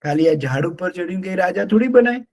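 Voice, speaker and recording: A man voicing a clever, sensible female cat who scolds briskly in a children's story. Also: high voice, expressive, darkish tone. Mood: scolding.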